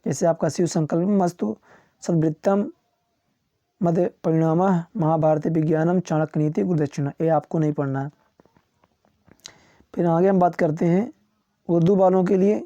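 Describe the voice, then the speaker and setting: A male coaching teacher going through a syllabus, listing topics one after another and chuckling now and then. His voice is very dark and mellow. The recording is dry and close, with no room sound. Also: fairly high pitch, steady tone, dry recording, dull audio. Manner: slows down to read English titles. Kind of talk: syllabus walkthrough for students.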